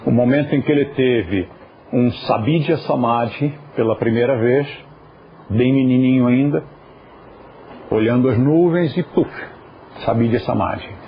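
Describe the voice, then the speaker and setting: A man's voice: medium pitch, unhurried, long pauses, a little hiss or hum. A man teaching a yoga class, patiently explaining pronunciation and turning aside to talk to viewers at home. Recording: dull lo-fi recording.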